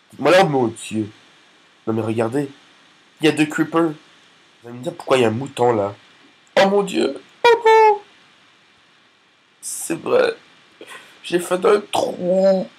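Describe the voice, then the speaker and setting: A man's voice: a little high, huge pitch swings, normal speed, pauses often, rough recording. A man reacting frantically while playing a game, yelping and pleading. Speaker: gamer. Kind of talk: live panicked gameplay reactions.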